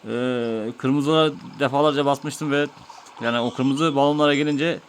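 A man's voice: medium pitch, fairly even intonation, moderate pace, a little hiss or hum. A man giving let's-play commentary, patiently explaining each step of an old game to his viewers. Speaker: gaming YouTuber.

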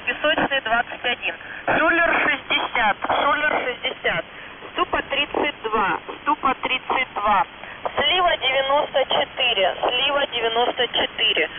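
A woman reading radio call signs over a walkie-talkie, slowly and deliberately, saying each one twice. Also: high-pitched. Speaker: radio operator. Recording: tinny, distant radio transmission with hiss.

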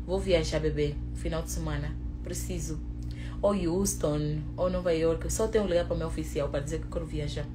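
A woman chatting casually on a livestream, excitable and preachy, swinging from low murmurs to loud encouragement. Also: brisk, noisy background. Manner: excitable, switches from murmuring to shouting. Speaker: vlogger.

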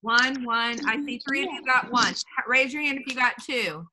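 A woman's voice: a little high, moderate pace, crowd noise, poor audio. A woman teaching a children's Sunday school class over a video call, upbeat and calling on the children by name. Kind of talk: leading a kids' online class.

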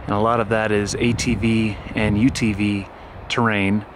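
A man giving a relaxed, enthusiastic narration of a property tour outdoors, pointing out landmarks as he goes. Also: lowish voice, normal speed, slight background noise. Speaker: real estate video tour narrator. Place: outdoors on a rural lot and riverside.

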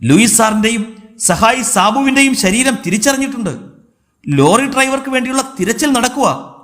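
A man voicing a worried male officer, pressing and urgent, his voice pitched high and lively. He sounds hurried and anxious in a storybook reading. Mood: grave.

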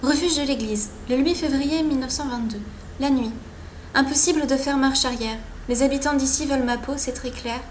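A woman's voice: high voice, a little fast, a little hiss or hum. A woman commenting on a video game playthrough, reading the in-game journal aloud and stumbling over words at times. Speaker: let's play host.

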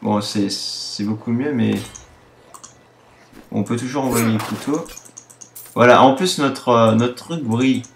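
Excitable 18-year-old male let's-play host, roomy room sound. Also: mid-range voice, a little slow, gravelly, long pauses, slight background noise. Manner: excitable, exclaims often. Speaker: gaming video host. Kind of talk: casual let's-play commentary.

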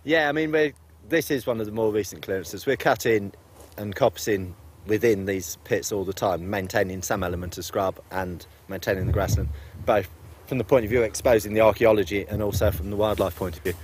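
Matter-of-fact male warden, deep-ish voice. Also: a little fast, a little hiss or hum. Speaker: countryside warden. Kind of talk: casual interview.

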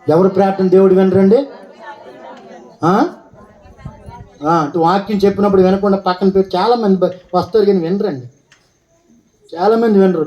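A male pastor giving a sermon, asking rhetorical questions, calling for amens and repeating phrases, rising into shouted blessings. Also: high voice, lo-fi sound. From India.

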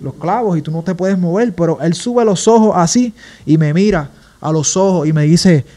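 A young man with a Puerto Rican accent speaks as a podcast guest. His voice sits a little high for a man. He tells his personal story with earnest, open emotion. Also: moderate pace, dark tone. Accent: Puerto Rican Spanish. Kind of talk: personal testimony in a casual interview.

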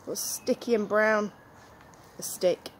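Reading one-liner jokes out loud, a middle-aged woman speaks slowly in a mid-range voice with fairly even intonation. She is outdoors in a small back garden, and faint outdoor background noise can be heard.

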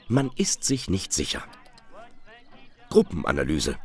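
A man's voice: deep voice, huge pitch swings, unhurried, a little mellow. A man narrating a television documentary in a wry, playful scripted style.

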